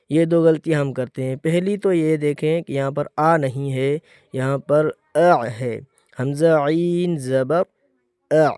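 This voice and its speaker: A man's voice: a little high, warm tone, clean tone, no room sound, studio quality. A man teaching Quran recitation in an explanatory lesson, patiently repeating words and demonstrating correct pronunciation.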